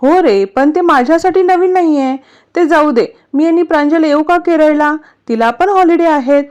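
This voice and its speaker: A woman's voice: high voice, normal speed, darkish tone, pitched above the performer's own voice, lightly acted. A woman voicing an eager, spoiled younger sister who wheedles her brother.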